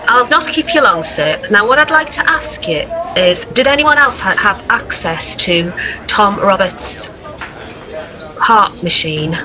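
A woman playing a polite, dogged police inspector, formal and measured, over background music. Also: mid-range voice, very animated, noisy background. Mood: courteous. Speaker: improv actor.

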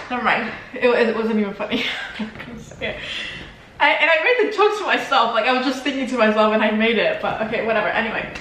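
With a sharp, high-leaning voice and a little hiss or hum in the audio, a teenage vlogger chats casually while eating, rambling with frequent "like" fillers. Spanish is her first language. She's seated on a leather couch in a living room, heard from a distance via a camera across a very echoey room.

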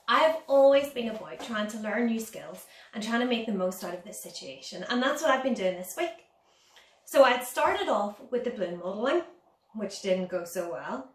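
A woman's voice: fairly high pitch, a bit bright. A woman in her thirties teaching a children's Sunday school lesson, explaining simply and asking her young listeners questions. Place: dining room at home, indoors. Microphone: camera a couple of metres away. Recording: roomy, distant phone-camera recording.

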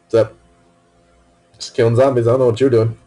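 Playing a game by himself at his computer, headphones on, a man keeps up brisk, casual commentary in a medium-pitched voice, cursing and flaring into sudden excitement. The rough recording carries slight background noise.

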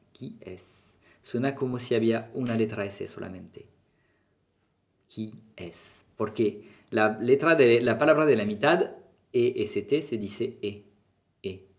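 Teacher repeating phrases slowly. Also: male voice, medium pitch, darkish tone. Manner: repeats phrases slowly, switching between Spanish and French. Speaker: French teacher. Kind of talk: language lesson for beginners.

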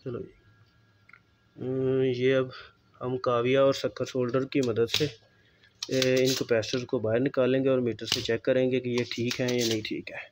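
A man, calmly explaining a step-by-step electronics repair at a workbench, recorded on a phone filming his hands. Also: mid-range voice, measured pace, background noise. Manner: calm, explanatory, pointing things out. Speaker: repair technician.

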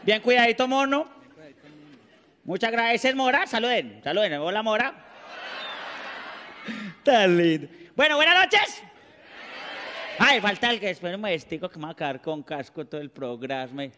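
A Colombian man with a Paisa accent doing a stand-up comedy monologue on a TV stage, animated and mugging as he banters with the audience. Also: high-pitched, moderate pace, long pauses, big-room sound, a faint crowd, slight background noise. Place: TV studio stage before a live audience.

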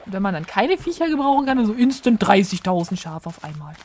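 A woman's voice: mid-range voice, sing-song, brisk, a little mellow. Chatty woman commentating a game. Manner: chatty, self-mocking, talks to viewers. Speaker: let's player. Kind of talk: casual gameplay commentary.

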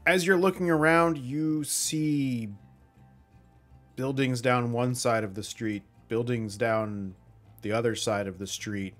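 A man's voice: medium pitch, slow pace, fairly bright tone, faint music behind. A man running a tabletop game as game master, describing scenes with hesitant repeated words.

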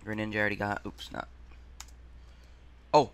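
A man hosting a gaming channel, thinking aloud through a quiz in a muttering, halting way and sounding out words as he goes. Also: fairly low pitch, little pitch movement, clear, resonant tone.

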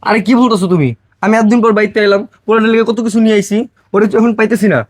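A man playing a frantic village father, very high voice. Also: fairly even intonation, very fast, dry recording. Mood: worried. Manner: shouting, accusing, pleading. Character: distraught village father, home after long away. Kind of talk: amateur short film drama.

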